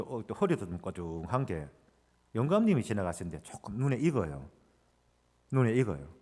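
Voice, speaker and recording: A male pastor preaching a sermon, telling a personal story with animated delivery and acting out the lines he quotes. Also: mid-range voice. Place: church sanctuary. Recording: long reverb of a church hall.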